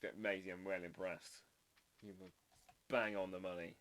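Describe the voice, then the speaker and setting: A man's voice: low-pitched, fairly even intonation, moderate pace, fairly bright tone. A man hosting a live drawing stream, chatting casually and playfully while trying out foreign words. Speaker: livestream artist host.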